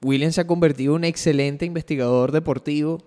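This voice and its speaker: A man's voice: on the high side, steady tone, fast talker, warm tone. A man co-hosting a sports podcast in casual chat, easygoing and restarting his sentences often. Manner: easygoing, many fillers and restarts. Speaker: podcast co-host and editor. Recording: reverberant room.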